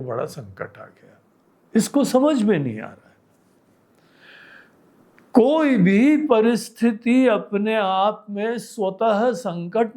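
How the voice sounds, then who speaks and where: A man, a swami, giving a spiritual discourse in an unhurried storytelling manner with everyday examples, dropping low and soft for asides.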